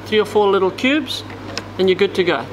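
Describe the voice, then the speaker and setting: Seated at a table in a tackle shop, a man gives a step-by-step fishing knot tutorial, talking while he works with his hands. His voice is high-pitched and fairly quick, against a noisy background.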